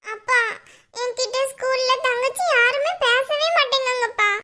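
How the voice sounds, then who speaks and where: A woman's voice: very high voice, steady tone, normal speed, heavy background noise. A woman voicing a stubborn little girl in a cartoon, whiny and insistent. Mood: tearful. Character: stubborn little girl who cries easily. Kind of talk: cartoon voice acting.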